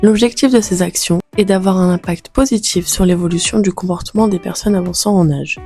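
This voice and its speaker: A woman reading a scripted voice-over narration in an even, informative tone. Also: on the low side, fairly quick. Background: soft guitar music.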